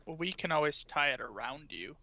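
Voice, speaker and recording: A man's voice: on the high side, animated, brisk, bright, forceful tone, dull audio. A man playing a tabletop game, talking through his moves in an easygoing, practical way. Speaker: player. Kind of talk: casual tabletop play.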